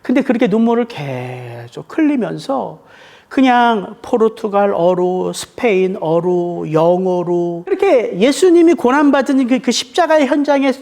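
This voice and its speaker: A middle-aged male pastor delivering a heartfelt sermon. His pitch rises and falls in wide, lively swings, and he slows to a deliberate pace on the words he stresses. His tone is earnest and emotional. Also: vocal fry. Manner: emotional preaching, slowing down on key words.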